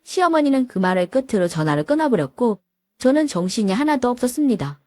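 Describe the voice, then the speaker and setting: A woman narrating a scripted family drama in a dramatic, lively way. Her voice sits a little high and moves a lot, recorded close and dry. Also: fast, no room sound. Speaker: storyteller.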